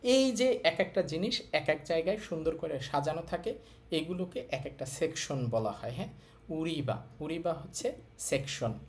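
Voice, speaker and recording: A Bangladeshi man with a Bengali accent teaching Japanese vocabulary, repeating each word slowly and drawing out its vowels. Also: fairly high pitch, lively intonation. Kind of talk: vocabulary lesson.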